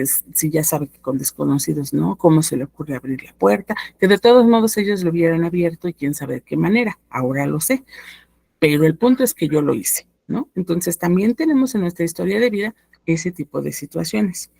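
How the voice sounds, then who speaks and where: A woman's voice: on the low side, creaky, a little mellow, no echo. A woman, telling a personal story to a workshop group in a chatty way. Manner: conversational, frequent "¿no?" tags. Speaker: workshop speaker.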